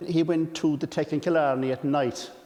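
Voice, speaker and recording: A man with an Irish accent giving an informal biographical account from memory, often clearing his throat. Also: on the high side, fairly even intonation, moderate pace, darkish tone. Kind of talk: informal spoken biographical reminiscence. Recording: reverberant hall.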